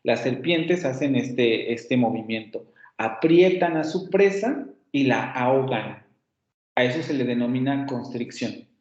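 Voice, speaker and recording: A man's voice: mid-range voice, warm tone. A male university teacher with a Mexican Spanish accent giving an online phonetics lecture, patiently explaining and repeating sounds aloud as demonstrations. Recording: echoey room, dull lo-fi audio.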